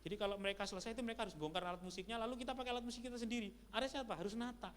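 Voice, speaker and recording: A male pastor preaching a sermon in a conversational style, with lively asides to the congregation. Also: high-pitched, very fast. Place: church sanctuary. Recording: church hall reverb with faint hum.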